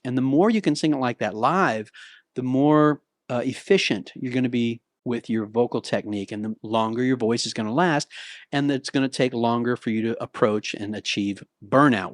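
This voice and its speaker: A man's voice: mid-range voice, moderate pace, no room sound. Easygoing man teaching singing, dry sound. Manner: casual, conversational, with sung demonstrations. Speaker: vocal coach. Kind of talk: talking-to-camera singing lesson. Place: Nashville.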